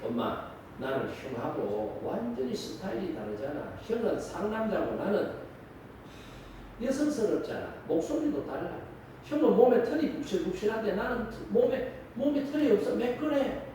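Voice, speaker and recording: A man's voice: high-pitched, big pitch swings, moderate pace, background noise. A man voicing a timid young son in a retold Bible story, whiny and pleading. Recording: echoey church hall, distant mic.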